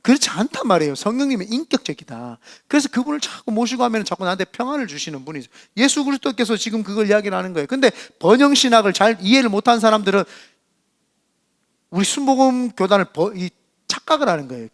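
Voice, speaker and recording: A middle-aged man from Korea, a senior pastor preaching a sermon, who tells stories animatedly and acts out quoted voices, dropping to quiet asides and rising to shouts. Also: high voice, big pitch swings, fast.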